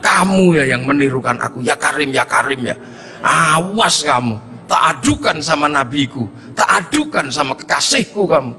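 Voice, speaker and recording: A man voicing a fierce, simple male village pilgrim who is deeply devoted and talks gruffly and threateningly. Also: very animated, normal speed, bright, forceful tone, heavily acted.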